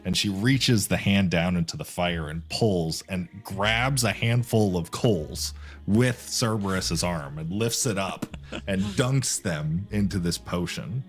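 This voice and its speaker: A man narrating a tabletop game as game master, rambling and halting with many fillers. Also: low-pitched, soft background music.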